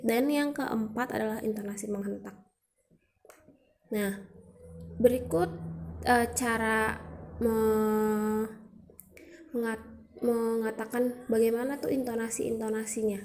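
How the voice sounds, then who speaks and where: A woman's voice: fairly high pitch, mellow, slight background noise. A young woman presenting a student educational video, explaining patiently step by step and demonstrating sounds aloud.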